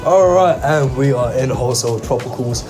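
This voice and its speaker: A man's voice: medium pitch, normal speed. Casual male vlogger over prominent music. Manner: colloquial, addresses viewers directly. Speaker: host of an aquarium hobby channel. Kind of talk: enthusiastic casual vlog narration.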